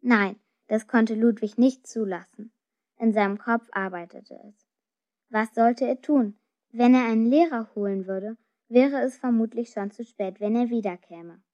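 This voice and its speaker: A woman telling a story in a lively, expressive storybook reading. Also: a little high, a little slow. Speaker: narrator. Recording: dull lo-fi recording.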